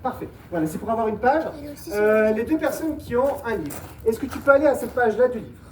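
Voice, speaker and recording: A woman mentalist works a live crowd, coaxing volunteers through a mind-reading trick with playful, patient repetition. Her voice sits at a middling pitch and comes from a distance. The room is roomy and echoing, with a steady live-venue noise underneath. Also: fairly quick. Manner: playful, repeats instructions patiently. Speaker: stage mentalist. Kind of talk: live stage show with audience volunteers. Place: live show venue with audience. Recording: echoey, distant mic, noisy live room.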